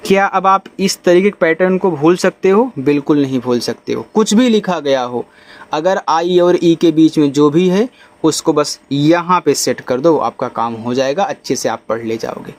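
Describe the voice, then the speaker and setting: Brief: male phonics teacher, high voice, patient step-by-step explaining, slow spelling. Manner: explains step by step, spells letters out slowly, repeats and asks the class questions. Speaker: English teacher. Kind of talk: spoken phonics lesson.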